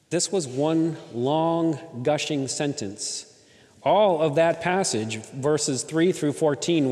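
A man's voice: a little high, darkish tone. Male pastor preaching in a reverberant church. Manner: conversational preaching with rhetorical questions. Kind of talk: sermon. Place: church in Southern California.

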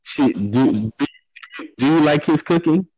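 A man's voice: on the high side, animated, unhurried, dark tone, no room sound, muffled recording. A man hosting a casual chat with strangers, laid-back and teasing. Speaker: host chatting with strangers.

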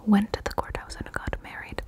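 A Colombian woman in her twenties, an ASMR creator, whispers through a casual question-and-answer session, softly repeating words over and over. She talks briskly and swears freely.

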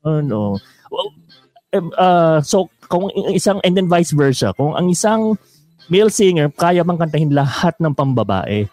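A man's voice: on the high side, expressive, normal speed, darkish tone, soft background music. A male host in a casual interview, chatty and laughing often as he reads out viewer questions.

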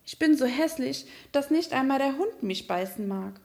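A woman's voice: high voice, expressive, moderate pace, vocal fry, a little mellow, pitched above the performer's own voice. Woman doing a sad little duckling. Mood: plaintive. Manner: plaintive. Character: sad, lonely ugly duckling.

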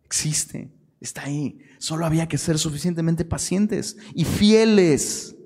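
A man with a Mexican Spanish accent preaches a relaxed Bible study, full of street slang and sudden shouted points. His voice sits a little high for a man. The sound carries a long reverb, as in a hall. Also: slightly rough. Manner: lively, slangy, with sudden shouted emphasis and quick asides. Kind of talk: casual Bible-study sermon.

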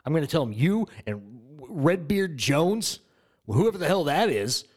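Lively, ranting man in a comedy podcast. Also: fairly high pitch, measured pace. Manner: ranting and profane. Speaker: podcast co-host. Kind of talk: improvised comedy bit.

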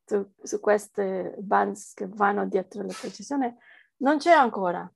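Slow, creaky-voiced woman with foreign-accented Italian. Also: mid-range voice. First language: not Italian, speaks it as a foreign language. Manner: hesitant, searching for words in a non-native language. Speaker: interviewed researcher. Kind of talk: conversational interview answers.

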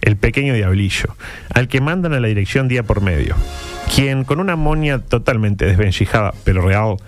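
A man's voice: medium pitch, lively intonation, moderate pace. A male radio host with a Uruguayan accent chats through humorous commentary. He keeps a mock-serious, colloquial tone and wanders into digressions. Music plays in the background. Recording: music playing behind the voice.

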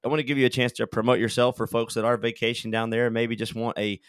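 A man hosting a podcast, asking questions in a halting way with many restarts. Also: mid-range voice, little pitch movement, clear, resonant tone, dry recording, studio quality. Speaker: podcast host. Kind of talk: casual interview chat.

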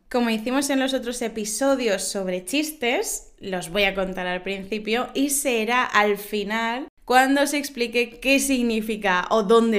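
Giggly teacher woman telling jokes. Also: a bit bright. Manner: giggly, laughs at her own jokes; acts out joke voices with big pitch jumps. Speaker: Spanish teacher and podcast host. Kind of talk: podcast lesson telling and explaining jokes.

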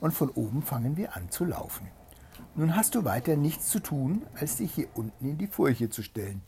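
A man's voice: a little high, sing-song, moderate pace, mellow, a little hiss or hum. A man voicing a crafty, stubborn hedgehog who is bossy and blunt, in a fairy tale reading. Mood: gruff. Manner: blunt, gruff and sly.

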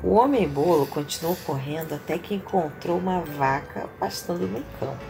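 A mother reads a children's story to her kids in a playful, encouraging way. Her voice sits a little low and has a gravelly fry, and clear music plays behind her. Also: normal speed. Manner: warm-hearted, playful, praising the children. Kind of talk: reading a children's story aloud.

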